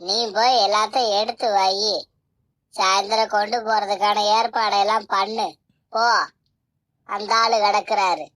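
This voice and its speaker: A woman's voice: mid-range voice, steady tone, measured pace, long pauses, a bit bright, close to an everyday voice. A woman voicing a domineering, scolding village headman's wife in a cartoon. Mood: dismissive. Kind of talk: cartoon voice acting.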